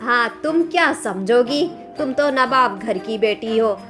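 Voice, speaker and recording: A sharp-tongued older mother-in-law nags and scolds in a cartoon story, voiced by a woman. The voice sits fairly high for a woman. Soft background music plays underneath. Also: expressive, unhurried. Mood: scolding.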